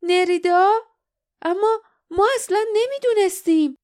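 A woman voicing a hot-tempered young male hero who shouts accusations in an audiobook. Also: very high-pitched, no room sound, clean studio sound, voice pushed up. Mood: angry.

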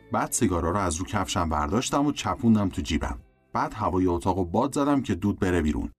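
Lively low-voiced male audiobook narrator. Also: breathy edge, no room sound. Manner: animated, acts out dialogue with shifting pitch. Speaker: audiobook reader. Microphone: close studio mic.

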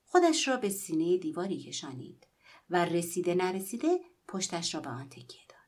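A woman reading a literary story aloud in a hushed, whispery narrating voice. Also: on the low side, very animated. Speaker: story reader.

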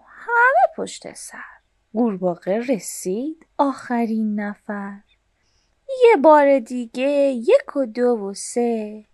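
A woman's voice: sits high, no room sound, clean studio sound. A woman narrating a rhyming children's story, playful, with animal sounds and voices for the characters.

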